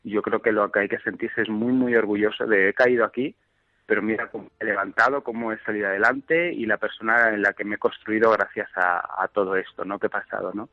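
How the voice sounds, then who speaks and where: A man's voice: fairly low pitch, steady tone, a little fast, no echo. A man calling in to a radio show over the phone, speaking earnestly and hesitantly, with many fillers and restarts. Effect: heard over the phone. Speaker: radio call-in listener. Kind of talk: heartfelt phone-in comment. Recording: dull, dry phone line on radio.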